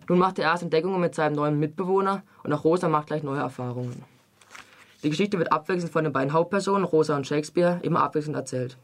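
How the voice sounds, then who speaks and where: Young male reviewer, fast, slightly high voice, brisk even reading. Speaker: book reviewer and reader. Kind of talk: reading a novel excerpt aloud, then casual review chat.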